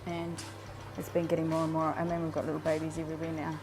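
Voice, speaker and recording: Filming her home fish room on a handheld camera, this fishkeeping vlogger speaks in a low, monotone voice and talks fast. She's a woman with a New Zealand accent who rambles casually, full of ums and false starts, with background noise in the clip.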